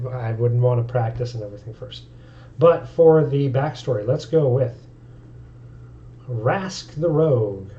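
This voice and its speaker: A man's voice: medium pitch, warm tone, dull audio, a little hiss or hum. A man streaming about tabletop games, talking casually and thinking aloud in an easygoing way. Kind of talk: casual live-stream talk.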